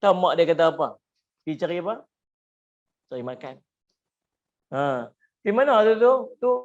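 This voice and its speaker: A man's voice: fairly high pitch, big pitch swings, moderate pace. A man giving a humorous religious lecture, asking the audience questions. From Malaysia. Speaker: preacher. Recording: muffled lo-fi lecture recording.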